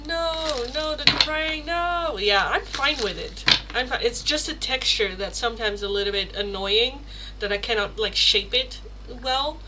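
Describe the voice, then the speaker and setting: On a casual tarot stream, a thirty-something woman talks with her audience and fields their questions, laughing frequently, teasing herself and swearing offhandedly. Her voice sits on the high side and is a little slow, with background noise in the recording.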